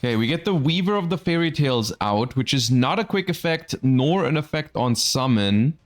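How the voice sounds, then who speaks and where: A man's voice: medium pitch, animated, normal speed, faint music behind. A man hosting and commentating a live card game tournament in a conversational, explanatory announcer manner.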